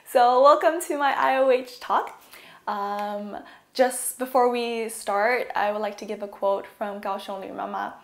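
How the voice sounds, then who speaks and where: A woman's voice: mid-range voice, steady tone, measured pace, vocal fry, echoey room. A young woman from California giving a casual presentation about her studies, often saying "like" and "um". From California, USA. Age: young adult. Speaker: university student. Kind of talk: presentation talk.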